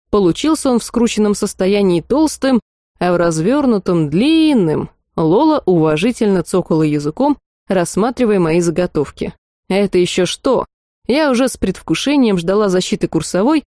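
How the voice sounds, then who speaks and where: Woman, audiobook narrator, lively first-person storytelling, medium pitch, dry sound. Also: no room sound. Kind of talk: scripted narration.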